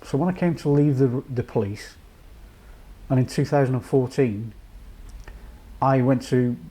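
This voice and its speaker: He's in his late fifties, from North Wales, and runs a charity; here he reflects on his own experience to camera in a measured way, pausing often. His pitch is medium and his tone mellow.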